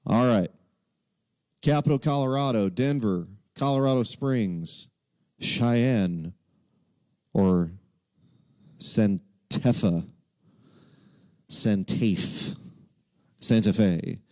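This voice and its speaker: Man, casual livestream quiz host, rambling asides, lowish voice. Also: slow pace, long pauses, darkish tone, dry recording, studio quality. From Texas. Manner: chatty, thinks aloud, reads options in a sing-song. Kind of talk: casual live quiz hosting.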